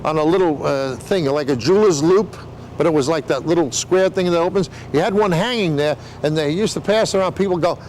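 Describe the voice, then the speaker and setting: A man's voice: fairly high pitch, darkish tone, a little hiss or hum, low-quality recording. An older man explaining things in a casual interview, with rambling showman patter and joking asides. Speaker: veteran sideshow talker explaining flea circus.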